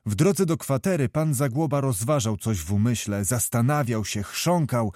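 A male audiobook reader narrating a historical novel in a measured, even way. His voice sits at an ordinary middle pitch and the recording sounds dry and close. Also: no echo.

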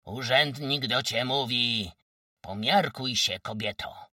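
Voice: mid-range voice, slow pace, bright, forceful tone, dry recording, clean studio sound, far from the mic. A reader doing a stern, threatening village headman. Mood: menacing. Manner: threatening, official tone.

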